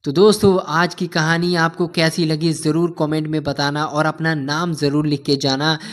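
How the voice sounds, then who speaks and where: A man's voice: a little high, little pitch movement, normal speed. A man narrating an emotional cartoon story in a heartfelt way, often addressing listeners as friends.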